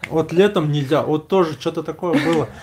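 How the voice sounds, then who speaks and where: A man's voice: a little high, brisk, noisy background. A man in his thirties chatting casually as a vlog host, in an informal, slangy, joking way. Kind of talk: casual chat. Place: small indoor room packed with gear.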